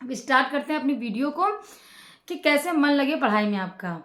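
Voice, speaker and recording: High-voiced woman giving study tips. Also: animated, brisk, a bit bright, echoey room. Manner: conversational, repeats phrases with frequent fillers and "ok". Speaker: teacher giving study advice. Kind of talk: informal advice talk to students.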